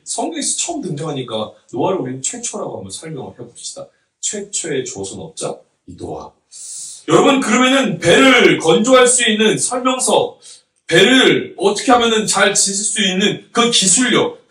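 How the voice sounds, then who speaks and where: A man in his thirties delivers a sermon in a warm, conversational way, laughing along with his congregation. His voice sits a touch high and rises and falls freely. It comes from some distance in a roomy, echoing church hall. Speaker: pastor. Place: church sanctuary.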